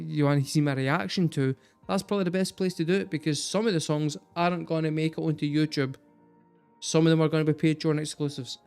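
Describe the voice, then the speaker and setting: A Scottish man hosts a music reaction video, chatting casually to camera and swearing freely. His voice is a little high, smooth, and darkish in tone.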